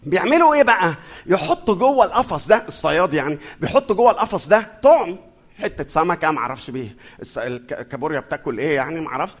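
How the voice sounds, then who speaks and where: Egyptian preacher guy, a bit high pitched, talky, keeps quizzing the room. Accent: Egyptian Arabic. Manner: lively, conversational, questions the audience. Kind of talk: sermon.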